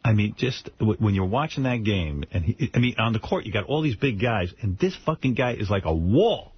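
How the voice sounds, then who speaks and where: Radio host, male, lower voice, rapid joking delivery, muffled broadcast sound. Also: background noise. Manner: fast, joking, does mock deadpan impressions. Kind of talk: casual radio banter.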